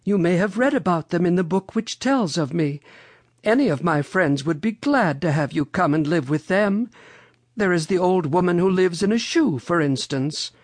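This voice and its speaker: A reader voicing Mother Goose, a kindly old storybook lady with a dramatic, drawn-out way of exclaiming. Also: medium pitch, lively intonation, no echo, pitched above the performer's own voice, lightly acted. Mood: kindly, helpful.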